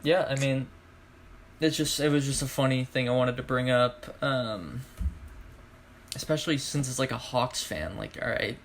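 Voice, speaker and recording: Young man, podcast co-host, hesitant casual talk, medium pitch, light background hiss. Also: moderate pace. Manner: relaxed, hesitant, many fillers and likes. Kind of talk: casual chat.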